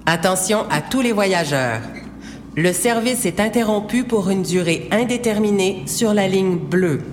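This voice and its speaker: A woman reads scripted airport and train station announcements in a formal, measured way. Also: medium pitch, expressive, soft background music. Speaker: announcer in a French listening exercise. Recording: long hall reverb, faint background noise.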